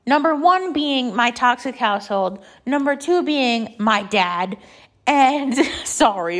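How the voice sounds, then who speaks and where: Congested teenage girl talking casually. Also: on the high side. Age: late teens, 17. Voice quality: congested, stuffy nose. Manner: halting, filler-heavy, confiding. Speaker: podcast host. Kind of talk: casual personal monologue.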